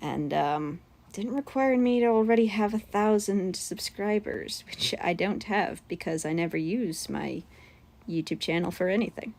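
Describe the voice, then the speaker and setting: Casual female livestream host, mid-pitched, a little under the weather, informal and unscripted, talking to chat. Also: lively intonation, a little slow, creaky, darkish tone. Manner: informal, chatting to viewers, trailing asides. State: mildly under the weather with sinus pressure.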